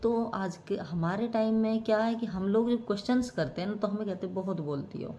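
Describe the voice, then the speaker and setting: A woman vlogger talking casually to camera in a reflective way, pausing often with fillers. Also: mid-range voice, mellow, lo-fi sound, slight background noise. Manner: reflective, musing, with many fillers and hesitations.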